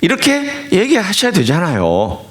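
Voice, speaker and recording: Male pastor, sermon in a church, fairly high voice, pitch leaping up and down, animated, asks the congregation questions. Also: a little slow. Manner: animated preaching, questions the listeners directly. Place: church sanctuary.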